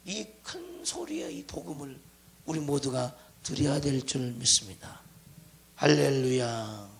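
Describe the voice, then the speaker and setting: A male pastor preaching a passionate sermon, swinging between loud cries and hushed, near-whispered lines and drawing out scripture slowly. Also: mid-range voice, big pitch swings, creaky. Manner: drawn-out, slowed phrasing on scripture lines. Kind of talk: impassioned sermon.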